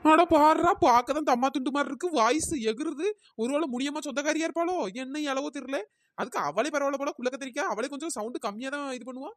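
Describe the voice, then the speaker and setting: A woman's voice: high-pitched, fast, dry recording, studio quality, natural voice. A woman voicing a scolding, mocking older village woman in a cartoon.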